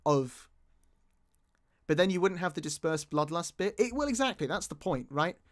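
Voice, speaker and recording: A British man giving casual, rambling commentary as he rewatches his own video, often restarting his sentences and poking fun at himself. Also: a little high. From Britain. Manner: rambling, self-mocking, many restarts. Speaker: YouTube creator.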